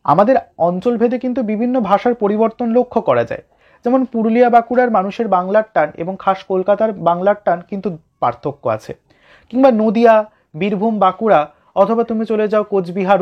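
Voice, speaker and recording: A man's voice: sits high, fairly quick, highs cut off. A man teaching an exam-prep literature lesson, explaining a text line by line and speaking directly to his students.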